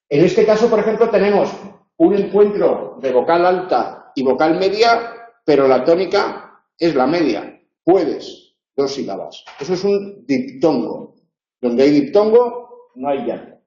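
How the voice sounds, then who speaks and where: A university lecturer with a mellow, medium-pitched voice explains material in a roomy classroom, checking in with tag questions. The recording is roomy and muffled.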